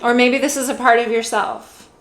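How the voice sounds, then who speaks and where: A young woman giving a casual tarot reading, musing gently and filling her talk with "like" and "you know". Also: fairly high pitch, fairly even intonation, moderate pace, a little hiss or hum. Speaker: tarot reader.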